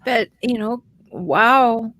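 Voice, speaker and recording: A woman guest speaking as a relationship expert on a casual podcast, telling stories in an animated way with many restarts. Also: fairly high pitch, drawn-out words.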